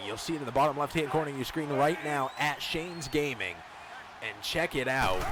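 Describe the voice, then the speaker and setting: A man giving American football play-by-play commentary in a dramatic, emphatic broadcaster style. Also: on the high side. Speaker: play-by-play commentator of a football video game league stream. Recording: clear background noise.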